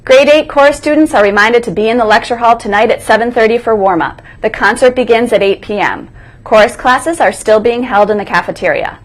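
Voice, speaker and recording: A woman's voice: fairly high pitch, a little fast. A woman co-hosting a school morning broadcast, reading scripted announcements aloud.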